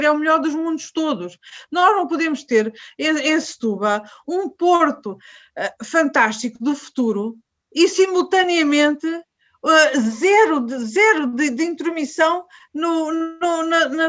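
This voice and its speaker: A woman's voice: sits high, unhurried, fairly bright tone. A woman in her late fifties with a European Portuguese accent, speaking as a webinar panelist, emphatic and insistent, often restarting her sentences. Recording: muffled video-call audio.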